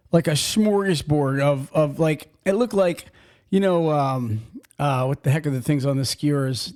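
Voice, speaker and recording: A man hosts a laid-back trucking podcast in a studio, his voice sitting a little higher than most men's. He rambles in a folksy way, doubling back and restarting his sentences as he goes. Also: a little mellow. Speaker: podcast host. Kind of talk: casual trucking podcast chat.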